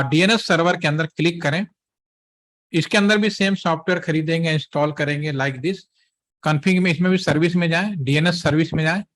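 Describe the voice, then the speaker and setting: Patiently walking trainees through each step, this male instructor has a slightly high, fairly bright voice. He keeps stopping to confirm they're keeping up, often asking "theek hai."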